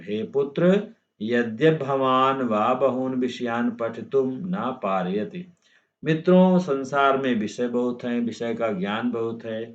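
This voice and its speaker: A male teacher gives an unhurried textbook lesson, reading out verses and explaining them line by line. His voice sits at a middle pitch. The recording sounds a little dull and lo-fi. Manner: reads Sanskrit lines slowly, then explains in Hindi, repeating phrases; addresses students as friends. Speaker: Sanskrit teacher.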